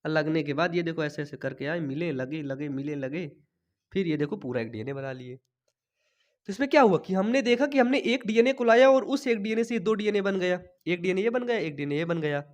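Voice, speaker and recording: A young male teacher with a high voice runs a chatty biology lesson for students, tossing out questions and answering them himself. He has a cold and keeps coughing. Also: a little fast. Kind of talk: board exam lesson for students.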